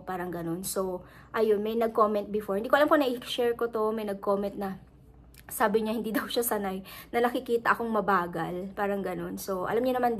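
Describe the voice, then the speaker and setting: A woman's voice: medium pitch, a bit bright. A woman from the Philippines chatting casually to her viewers in a vlog, laughing often and mixing English words into her talk. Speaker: vlogger.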